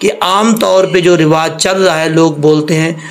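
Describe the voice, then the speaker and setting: A man's voice: fairly high pitch, fairly even intonation, measured pace, a little hiss or hum. A man teaching an online recitation lesson, explaining patiently and repeating points, stretching out syllables to demonstrate pronunciation.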